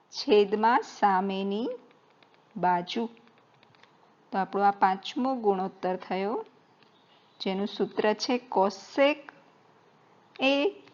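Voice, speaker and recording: Woman math teacher, unhurried and patient, spells terms out letter by letter, muffled lo-fi sound. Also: on the high side. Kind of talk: board-writing math lesson.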